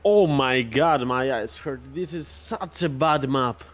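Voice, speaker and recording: A man's voice: medium pitch, slow, close to an everyday voice. A man voicing a blunt, grumbling ship captain. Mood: gruff.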